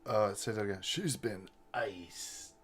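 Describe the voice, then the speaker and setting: A man's voice: lowish voice, takes it slowly, a little hiss or hum. A man giving casual let's play commentary as a gaming streamer.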